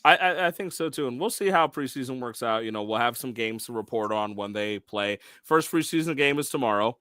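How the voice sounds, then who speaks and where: A man co-hosting a sports podcast, chatting casually as an excitable storyteller who makes quick asides. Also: medium pitch, clear, resonant tone, dry recording. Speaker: podcast co-host.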